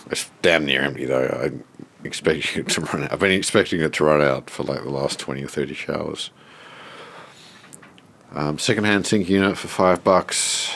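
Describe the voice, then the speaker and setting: Deep, stuffed-up Australian man. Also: a bit bright. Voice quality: stuffed-up, nasal from a blocked nose. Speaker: vlogger showing a self-built shed. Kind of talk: casual unscripted walk-through to camera.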